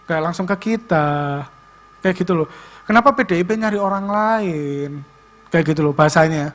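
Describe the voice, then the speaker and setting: A young man giving a personal testimony at a youth service. He tells it in an animated way, with lots of filler tags. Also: a little high, moderate pace. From Indonesia. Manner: animated storytelling, repeats "like that".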